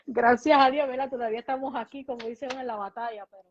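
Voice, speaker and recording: A woman's voice: on the high side, steady tone, fast, slight background noise. A woman pastor, giving her testimony as an interview guest and acting out both sides of the conversations she recounts. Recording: dull lo-fi sound.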